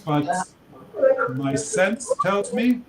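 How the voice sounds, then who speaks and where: A man in his fifties from Kenya, answering interview questions in a measured, reflective way with some fillers and restarts. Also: sits high, expressive. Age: 50s. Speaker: interview guest. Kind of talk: casual interview conversation. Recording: noisy background.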